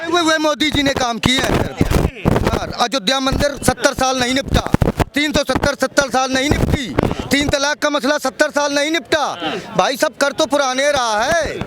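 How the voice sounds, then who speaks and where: A man in a very high voice argues politics amid loud traffic noise. He is emphatic and repeats his phrases. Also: normal speed. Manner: repetitive, emphatic. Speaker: member of the public in a street debate. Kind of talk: political argument. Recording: very noisy street with traffic.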